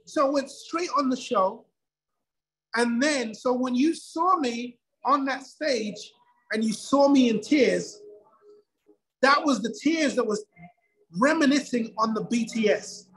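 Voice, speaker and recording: A middle-aged man telling his own story in a casual interview, lively and acting out quoted dialogue. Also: very high-pitched, takes it slowly, breathy edge, poor audio. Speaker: guest.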